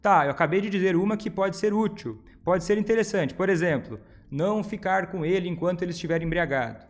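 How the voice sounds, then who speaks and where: A man's voice: high voice, fairly quick. A man, hosting and giving casual advice on viewer questions, often acting out example phrases. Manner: many fillers and restarts. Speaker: host answering viewer questions.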